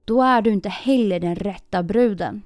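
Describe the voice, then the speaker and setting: A woman's voice: mid-range voice, a little mellow, no echo, clean studio sound, soft background music, natural voice. A woman reading as an earnest young prince. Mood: questioning. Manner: probing, earnest. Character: young king's son, earnest and questioning.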